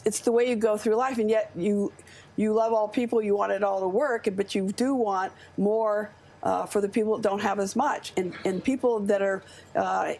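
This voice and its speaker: Brief: older American woman guest in her seventies, gravelly and husky-edged, impassioned and earnest, live news desk. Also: medium pitch, a little mellow. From United States. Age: 70s. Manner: earnest, impassioned, speaks with conviction. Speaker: studio guest.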